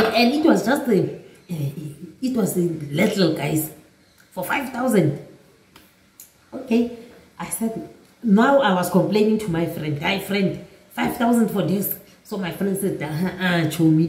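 A woman's voice: on the low side, a little mellow. A woman telling a personal story on her vlog, chatty and often calling out to her viewers. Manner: chatty, repeats "guys" often. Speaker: vlogger. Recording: echoey room, mic at a distance.

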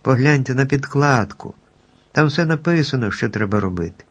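A dignified fairy queen of the field mice speaks with calm grace, voiced by a male audiobook reader. Her voice is steady and unhurried, giving courteous advice in a storybook tale. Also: medium pitch, slightly rough, highs cut off, voice pushed up. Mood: gracious.

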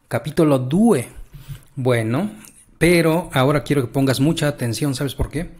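A man's voice: mid-range voice, a little mellow. A man teaching a casual language lesson, chatty and encouraging, stretching out words as he explains.

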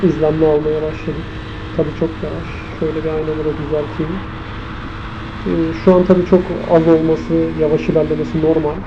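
Muffled man talking inside a helmet. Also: fairly high pitch. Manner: thinking aloud, commenting on the traffic. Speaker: motorcycle vlogger. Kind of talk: casual chat while riding. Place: outdoors on a moving motorcycle, inside a helmet. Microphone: microphone inside the helmet. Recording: muffled helmet mic, loud wind and engine noise. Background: wind, engine and traffic noise.

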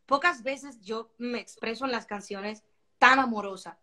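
A woman singer talking about her album in a casual interview, animated and expressive, often repeating words as she searches for them. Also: on the high side, measured pace. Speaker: singer-songwriter guest.

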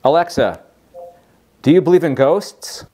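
A man whose voice is on the high side speaks at a measured pace. Hosting a casual tech demo, he's lively and amused as he puts questions to a voice assistant.

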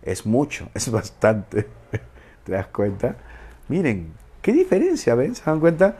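A man's voice: medium pitch, sing-song, unhurried, warm tone, husky. A man hosting an online talk for women, playful and teasing, laughing often and acting out phrases. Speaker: online show host. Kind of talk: casual talk to a female audience.

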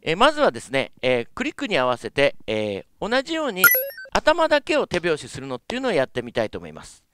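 Lively polite male vocal coach. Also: on the high side, fast, clear, resonant tone. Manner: polite explaining with many fillers. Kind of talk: instructional lesson.

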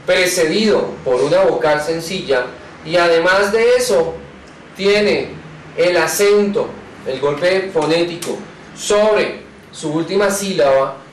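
A man teaches a grammar lesson at the board in a slightly raised voice. He quizzes the class and answers himself, and he slows right down for each example sentence. The room echoes around him, he stands some way from the microphone, and a faint hum of room noise sits underneath. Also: fairly high pitch, far from the mic. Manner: patient, asks and answers his own questions. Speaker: English teacher.

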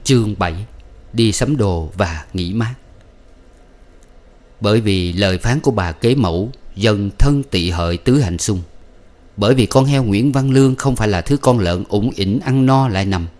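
A man reading a novel aloud as an audiobook narrator, with steady, measured storytelling. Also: fairly low pitch. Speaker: audiobook reader.

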